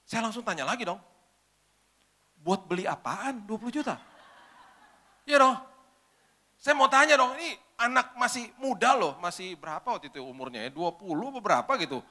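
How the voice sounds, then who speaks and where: Animated, high-voiced male preacher. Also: fast, in a large hall. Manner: animated, acts out dialogue. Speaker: pastor. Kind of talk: storytelling sermon.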